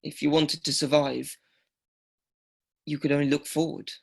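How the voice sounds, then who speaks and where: A gravelly old survivor. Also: male voice, on the high side, level tone. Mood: reflective. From Greece. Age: older. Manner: slow, halting, repeats himself. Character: elderly male Holocaust survivor, quiet and halting. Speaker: survivor telling his story. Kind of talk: radio documentary drama.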